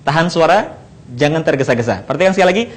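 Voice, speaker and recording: A man teaching how to pronounce Arabic letters, explaining slowly and repeating each sound in drills. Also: a little high, animated. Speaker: Quran recitation teacher. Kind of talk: slow instructional explanation with recited drills.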